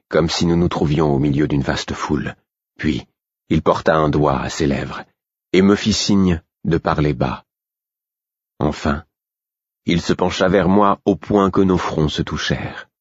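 A man reading a fantasy novel aloud as an audiobook, in measured storytelling narration. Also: rumbling low, slightly rough, no room sound, highs cut off. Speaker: audiobook reader.

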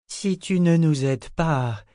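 In an audiobook, a man voices a fierce, determined sorceress who gives urgent commands. He pitches above his natural voice, though it stays close to everyday speech: mid-range, expressive, a little mellow, at a moderate pace. The recording is dry, with clean studio sound.

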